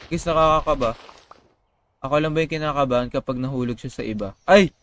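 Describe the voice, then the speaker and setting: A man's voice: medium pitch, fast, a bit bright, slight background noise. A young man casually commentating a live game stream, chatting to viewers and reading their messages aloud. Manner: chatty, reads chat aloud, screams when startled. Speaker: gaming streamer.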